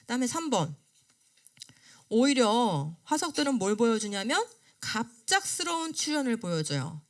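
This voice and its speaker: A woman's voice: a little high, moderate pace. A middle-aged woman giving a classroom lecture, asking the class questions and answering them herself. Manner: lively, rising and falling delivery. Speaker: creation science lecturer. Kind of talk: classroom lecture on a study book.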